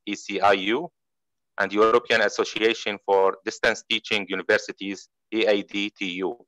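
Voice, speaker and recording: Hesitant, sharp-voiced host reading an introduction. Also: male voice, fairly low pitch, no room sound, low-quality recording. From Iraq. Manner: hesitant, many pauses and fillers. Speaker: event host introducing speaker.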